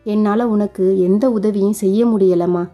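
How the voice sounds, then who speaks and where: A woman's voice: medium pitch, level tone, moderate pace, mellow, faint music behind, lightly acted. A woman voicing a sympathetic older relative who apologetically consoles a young bride in a spoken story. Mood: consoling. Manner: soothing, apologetic.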